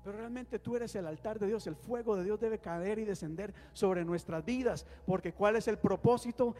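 A man's voice: high voice, normal speed, warm tone. A man preaching a sermon as pastor, calling on the congregation to respond and leading them in prayer. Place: church hall. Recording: long hall reverb with faint music.

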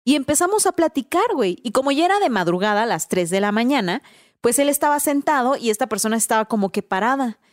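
A woman with a Mexican accent, telling a story in a casual, animated way, full of slang and tag questions. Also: on the high side, fast, no echo, studio quality. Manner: animated, slangy, tags lines with "¿no?" and "güey".

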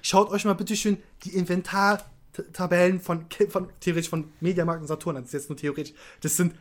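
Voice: medium pitch, flat delivery, a little fast. A speaker in a heated casual debate, bluntly pushing back and insisting on their point.

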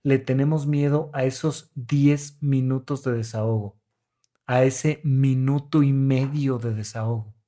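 A man's voice: medium pitch, steady tone, a little slow, mellow. A Mexican-accented male therapist on a podcast. He coaches his listeners in a demonstrative way and acts out breaths and sighs as he explains. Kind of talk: podcast talk on emotions.

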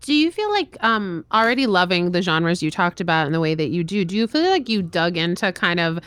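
A woman interviewing a songwriter, asking long, soft questions. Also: lowish voice, sing-song, brisk, clean tone.

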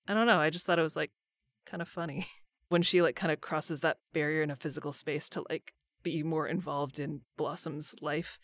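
A woman voice actor guests on an interview, chatting casually about the cast in informal, loosely built, hesitant phrasing full of "like." Her voice is low-pitched with fairly even intonation and a moderate pace, in a dry recording.

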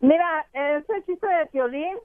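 High-voiced lady caller telling a joke, chatty, tinny phone line. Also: a little slow, no echo, soft background music. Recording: thin, dry phone line.

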